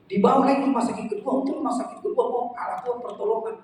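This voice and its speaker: A man's voice: very high voice, rapid-fire, distant mic, slight background noise. A man preaching a sermon, telling stories and acting out conversations. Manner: storytelling, animated, quoting dialogue. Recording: echoey hall, picked up from afar.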